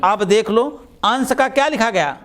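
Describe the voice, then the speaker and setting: A male teacher with a fairly high voice lectures to a class. He speaks with a slight tinge. He is patient, drawing words out and repeating them so his students can follow. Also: fairly bright tone. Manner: patient, repeats words slowly, addresses students as "babu" and "beta".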